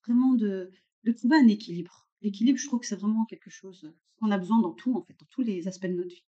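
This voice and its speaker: A woman's voice: mid-range voice, quick pace, mellow, muffled recording. A woman chatting at a brunch, reflective and talking things through with many restarts. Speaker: guest sharing her story. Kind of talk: casual chat. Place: room at a brunch.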